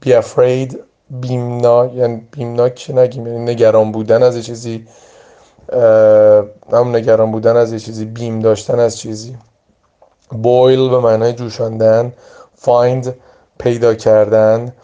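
Man with a hoarse voice, reads each word then its meaning, deep dark tone, muffled lo-fi recording. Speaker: English teacher. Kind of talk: vocabulary pronunciation lesson. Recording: dull lo-fi audio file.

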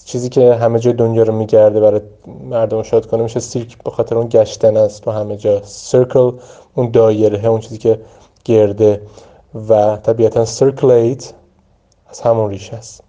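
A man whose first language is Persian leads a vocabulary pronunciation drill in a very dark, mellow voice. He says each English word slowly, several times over, and adds short explanations between the words. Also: fairly low pitch, level tone, dull audio.

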